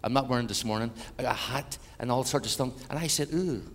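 Jokey older Irish preacher in a hall. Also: male voice, mid-range voice, fast talker. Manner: animated, jokey storyteller. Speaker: missionary preacher. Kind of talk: storytelling sermon. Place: church hall with a congregation. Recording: echoey hall, faint ambience.

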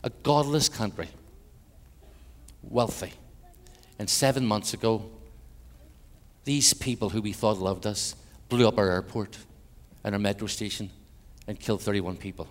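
An Irish man preaching an evangelistic sermon with personal testimony in a large church, swinging between loud emphatic peaks and hushed passages, with wry humorous asides. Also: lowish voice, steady tone, measured pace, long pauses. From Ireland. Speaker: guest preacher, minister to Europe. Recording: church hall with long reverb.

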